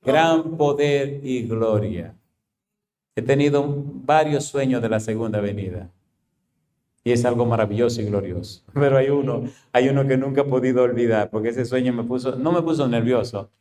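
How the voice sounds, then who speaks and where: Here a male pastor preaches, repeatedly putting rhetorical questions to his congregation. His voice swings from loud and high in outbursts to slow and low in his statements.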